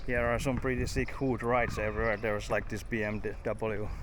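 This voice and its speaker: A man's voice: on the low side, level tone, normal speed. A man from Finland, giving loose, rambling walking commentary outdoors on city streets, full of "like" and "uh". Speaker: travel vlogger. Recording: outdoor street noise, passing traffic.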